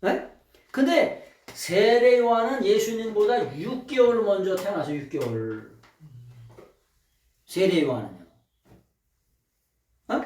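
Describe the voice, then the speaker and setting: Animated pastor preaching in an echoey church. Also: male voice, slow, long pauses, far from the mic. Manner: preaching with call-and-response questions to the congregation; swings from loud shouting to quiet low asides. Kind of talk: sermon. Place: church sanctuary.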